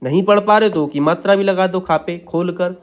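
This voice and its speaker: High-voiced man teaching shorthand. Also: moderate pace. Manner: patient, repeats "ठीक है" after each point. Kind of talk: step-by-step tutorial explanation.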